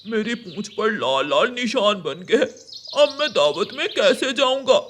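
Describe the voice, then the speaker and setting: A henpecked yet bossy crow father in a cartoon, forever grumbling and snapping at his family. The voice sits high for a man. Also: big pitch swings, a little slow, a bit bright, a little hiss or hum, heavily acted. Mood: angry. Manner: scolding, irritable, sarcastic. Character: grumpy scolding male crow father. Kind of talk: cartoon voice acting.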